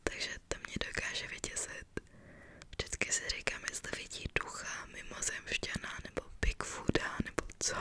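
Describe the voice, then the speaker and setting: A young Czech woman whispering softly as she walks her dog along a forest trail, chatting in a gentle, storytelling way. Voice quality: fully unvoiced whisper. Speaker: ASMR vlogger. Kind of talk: whispered walking vlog. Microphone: body-worn camera while walking.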